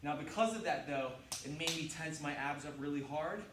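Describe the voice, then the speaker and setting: Male trainer, upbeat and joking, counts reps and grunts through the effort; high voice, slight hiss behind it. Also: moderate pace. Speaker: fitness trainer. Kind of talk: workout instruction, demonstrating exercises. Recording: echoey room, mic at a distance.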